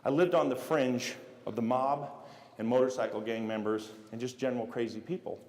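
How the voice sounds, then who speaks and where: A man's voice: medium pitch, fairly even intonation, fairly quick, darkish tone. A middle-aged man from Las Vegas giving a motivational speech as a keynote speaker, acting out scenes with sound effects as he tells stories. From United States (Las Vegas). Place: large hall. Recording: echoey hall with long reverb.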